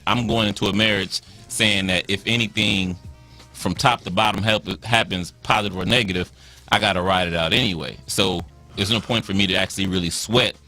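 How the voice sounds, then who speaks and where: A man's voice: fairly low pitch, pushed and bright. A man hosting a call-in talk show, taking callers and sharing his views. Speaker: host.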